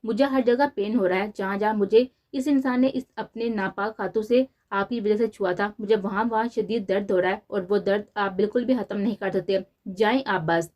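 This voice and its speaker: A woman reading the lines of a hurt, angry young wife in an audio novel, sharp and bitter. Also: mid-range voice, normal speed, hardly any pauses, close to an everyday voice.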